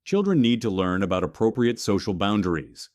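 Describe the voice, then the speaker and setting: A man's voice: on the low side, big pitch swings, a little fast, a little mellow, no echo, clean studio sound. Man voicing a haughty, snobbish rich mother. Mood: disdainful. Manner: haughty, disdainful. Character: snobbish wealthy mother, disdainful.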